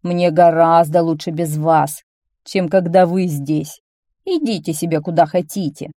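A woman's voice: on the low side, measured pace, mellow, dry recording, clean studio sound, lightly acted. A woman voicing an easygoing male garbage man who answers plainly.

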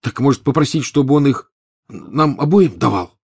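A man reading an audiobook, voicing a hot-headed teenage boy wizard who swings from hushed dreaminess to shouting. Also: low-pitched, fairly even intonation, a little slow, breathy edge. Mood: eager.

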